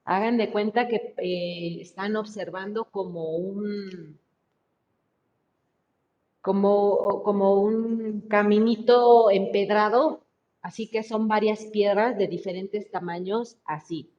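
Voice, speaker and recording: Woman, Mexican Spanish accent, slow patient biology teacher, muffled call audio. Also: fairly even intonation. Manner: slow, explaining step by step, frequent checking "¿sí?". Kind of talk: online class lecture. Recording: muffled lo-fi mic with faint rumble.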